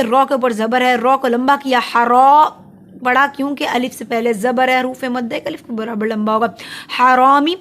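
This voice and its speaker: High-voiced woman teaching tajweed. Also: a bit bright. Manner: explains letter by letter, then drawls the verse words slowly. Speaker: Quran recitation teacher. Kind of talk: tajweed lesson with recitation.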